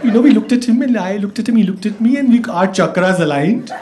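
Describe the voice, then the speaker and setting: A man putting on a giddy, gushing woman who swoons over her own love story, stretching her words out dreamily and climbing high in pitch. Her voice is higher than usual for him, and a club crowd laughs and a faint hiss sits behind. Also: animated, fast talker. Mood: dreamy.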